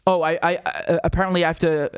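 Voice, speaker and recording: High-voiced man rambling through live news commentary. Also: level tone, smooth. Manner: rambling, halting, often drifts into tangents.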